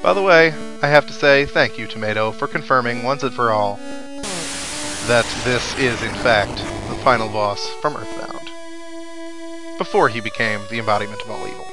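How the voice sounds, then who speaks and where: This let's player speaks at medium pitch and a moderate pace, though the recording is rough. He keeps his game commentary casual and chatty, with wry asides, while video game music plays underneath.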